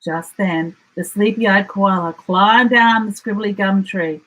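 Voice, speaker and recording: A woman with an Australian accent, reading a children's story aloud in an expressive storytelling style. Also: medium pitch, slow, poor audio. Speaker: storybook reader.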